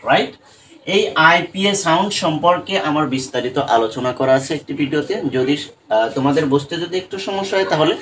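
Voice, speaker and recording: Addressing students in an English pronunciation class, this man keeps asking questions and then answering them himself, often saying "right?" and "dekho." His voice is a little high with a fairly bright tone, picked up somewhat far from the mic with faint background noise.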